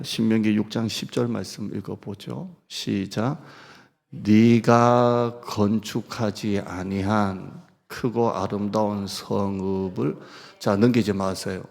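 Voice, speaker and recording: A man's voice: fairly low pitch, vocal fry, a little mellow. A male pastor preaching a sermon, leading his congregation through Scripture readings and call-and-response, and telling stories in a humorous, conversational way. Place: church sanctuary. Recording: reverberant church hall.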